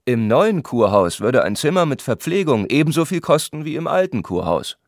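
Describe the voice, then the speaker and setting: A man voicing a gentleman who grumbles quickly about meals and money, in an audiobook reading. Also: medium pitch, sing-song, no echo, clean studio sound, pitched above the performer's own voice. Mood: grumbling. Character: grumbling gentleman complaining about food and prices. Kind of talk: audiobook character voice.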